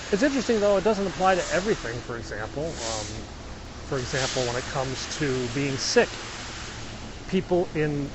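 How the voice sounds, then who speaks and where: Walking outdoors along a mountain road, a medium-pitched Illinois man with a Midwestern accent casually talks to his livestream viewers, answering them and explaining as he goes. Background noise runs throughout.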